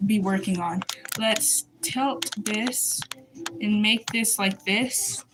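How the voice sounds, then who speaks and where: Woman streamer, unhurried, self-mocking, easily sidetracked; noisy home mic. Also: medium pitch. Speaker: drawing streamer. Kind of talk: casual drawing commentary. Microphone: desk mic on a recording stand.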